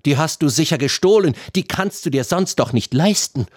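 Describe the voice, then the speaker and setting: A man's voice: fairly high pitch, animated, moderate pace, slightly rough, no echo, studio quality, voice pushed up. A man voicing a scornful middle-aged mother who mocks and jeers, in a storybook reading. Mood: mocking. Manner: mocking, jeering.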